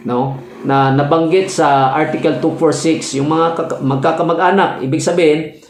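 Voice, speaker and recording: A male teacher giving a slow, informal lecture, checking in often with his listeners and pausing with fillers as he explains. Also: a little high, fairly even intonation. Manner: explains slowly with frequent "no?" checks and hesitations. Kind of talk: classroom-style legal lecture. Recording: echoey room.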